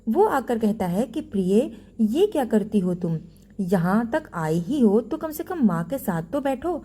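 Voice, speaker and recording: A woman storyteller voicing a mild young husband who calms his wife, speaking in a coaxing, soothing way. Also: a little high, a little slow, breathy edge, exaggerated voice.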